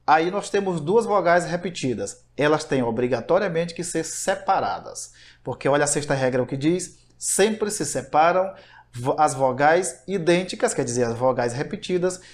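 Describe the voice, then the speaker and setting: A man's voice: a little high, animated, moderate pace. A man teaching a grammar lesson online, explaining step by step and asking himself rhetorical questions.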